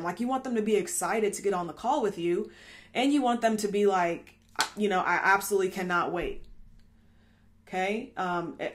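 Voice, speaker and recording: A woman coaching a marketing training class in a chatty, upbeat way, checking in often with "okay?" and correcting herself as she goes. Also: medium pitch. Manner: thinks out loud, corrects herself mid-stream. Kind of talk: live training lesson.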